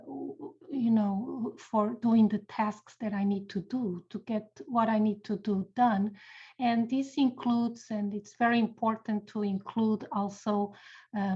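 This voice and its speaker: A woman's voice: medium pitch, a little mellow, dull audio. A woman in her fifties from Portugal, speaking thoughtfully and unhurriedly as a chemistry professor on a panel. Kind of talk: panel discussion.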